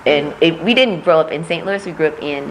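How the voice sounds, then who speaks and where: In a recording with slight background noise and poor audio, a middle-aged woman speaks in a low voice. Born in Puerto Rico and raised in Missouri, she answers interview questions as a political candidate, measured and reflective, pausing often.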